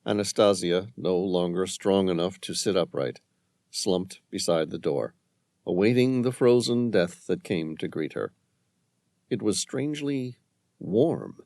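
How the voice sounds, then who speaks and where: Slow, expressive male audiobook narrator. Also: low-pitched, dry recording. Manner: measured, expressive storytelling. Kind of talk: scripted narration.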